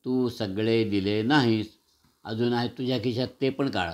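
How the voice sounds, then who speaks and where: A man's voice: medium pitch, fairly even intonation, measured pace, a little mellow, lightly acted. A man reading aloud, voicing a stubborn, boastful little boy in a storybook tale. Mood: defiant. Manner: defiant, boastful. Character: stubborn little boy who threatens rain.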